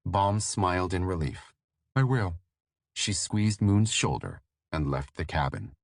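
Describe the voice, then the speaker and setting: A man narrating a fantasy audiobook in a steady, measured storytelling voice. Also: low-pitched, creaky, no echo, clean studio sound.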